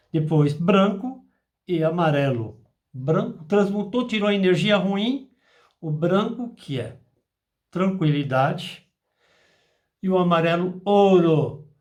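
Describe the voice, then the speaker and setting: A man giving an informal spiritual lesson, acting out little dialogues as he explains. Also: high-pitched. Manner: animated, acts out dialogues in asides. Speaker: spiritual therapy teacher.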